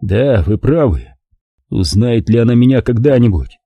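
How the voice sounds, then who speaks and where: A man's voice: mid-range voice, lively intonation, moderate pace, husky, dry recording, lo-fi sound. A man doing a stern, commanding detective. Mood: gentle. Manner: firm and clipped, softening when gentle. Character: stern male detective, commanding but tender. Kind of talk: audiobook character voice.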